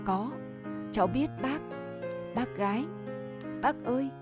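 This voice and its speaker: A woman's voice: a little high, slow pace, loud music behind the voice. A woman reading a novel aloud, voicing a polite young male soldier whose words break with grief. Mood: tearful. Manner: deferential, breaking with emotion.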